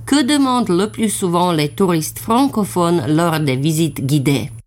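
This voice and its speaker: A low-pitched woman presents the program formally, thanking one guest and bringing in the next. Her delivery is composed and announcer-like. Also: lively intonation, unhurried. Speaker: radio presenter.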